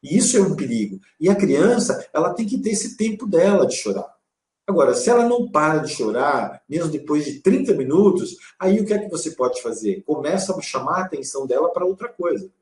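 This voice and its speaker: A man giving a calm, explanatory live talk on parenting, using vivid everyday examples. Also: a little high, a little fast, echoey room. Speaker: co-host and father.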